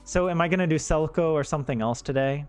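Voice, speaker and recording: Faint music accompanies this Southern streamer, whose slightly high voice is clear and resonant and moves at a quick pace. He's learning Finnish, speaks English as his first language, and chats in a loose, rambling way, cracking jokes about himself.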